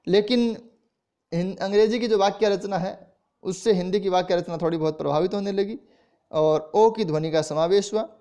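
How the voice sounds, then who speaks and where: A man's voice: sits high, warm tone, clear, resonant tone. A man with a Rajasthani Hindi accent giving a college lecture on the history of the language, explaining step by step and sounding out words to show how they are pronounced. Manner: explains slowly, demonstrates pronunciation aloud. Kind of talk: classroom lecture.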